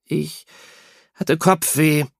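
A man's voice: fairly high pitch, steady tone, very slow, gravelly, no room sound, clean studio sound, voice pushed up, exaggerated voice. A man putting on a sulky teenage girl. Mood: evasive. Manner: curt, grudging replies. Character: sulky evasive teenage schoolgirl.

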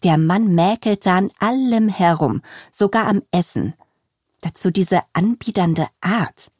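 A woman calmly reading a novel aloud as a narrator, in an even storytelling manner. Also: mid-range voice, slow pace, dry recording, studio quality. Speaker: audiobook narrator. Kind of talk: scripted narration.

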